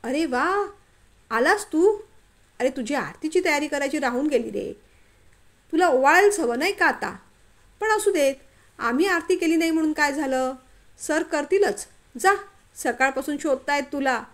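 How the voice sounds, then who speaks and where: A woman's voice: sits high, lively intonation, moderate pace. A woman voicing a mocking young female office colleague with a sarcastic, taunting manner.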